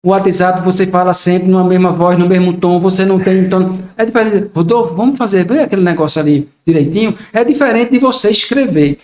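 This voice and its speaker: An older man speaking at a high pitch, explaining his points in a reflective way and acting out small everyday exchanges. The room around him is noticeably echoey. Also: fast talker, hardly any pauses, darkish tone. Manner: reflective, explains with acted-out examples. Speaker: podcast guest. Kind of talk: casual podcast conversation.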